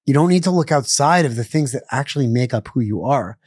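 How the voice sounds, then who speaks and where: Brisk and lively in his intonation, a middle-aged chef from Israel by birth and Pittsburgh by upbringing rambles through a casual interview, restarting and correcting himself amid many fillers. His medium-pitched voice has a darkish tone, recorded in studio quality with no echo.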